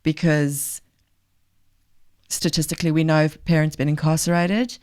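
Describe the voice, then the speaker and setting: A woman's voice: low voice, little pitch movement, moderate pace, a little mellow. A middle-aged woman with a faint South African accent, talking earnestly as a podcast guest, emphatic and thinking aloud. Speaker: guest, charity leader. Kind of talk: podcast interview.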